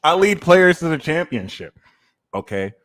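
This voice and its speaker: A man's voice: on the high side, sing-song, unhurried, fairly bright tone, no echo. Rambling male astrologer, dry sound. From New Jersey, US. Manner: rambling, prone to tangents, repeats phrases. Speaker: astrologer and reader. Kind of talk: casual livestream astrology talk.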